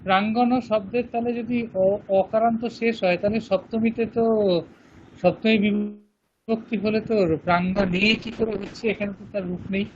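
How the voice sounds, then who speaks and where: A man's voice: high-pitched, fairly even intonation, normal speed, lo-fi sound, slight background noise. A male student in an online class, asking a question hesitantly with many restarts.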